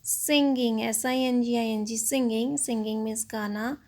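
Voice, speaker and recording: A woman's voice: fairly high pitch, steady tone, normal speed, darkish tone. A woman teacher with an Indian accent, spelling English words out letter by letter and explaining them in Hindi.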